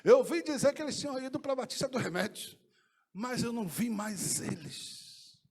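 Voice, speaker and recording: A male pastor preaching in a church, swinging from hushed storytelling to shouted declarations. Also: extremely high pitch, expressive, normal speed. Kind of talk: sermon. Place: church sanctuary.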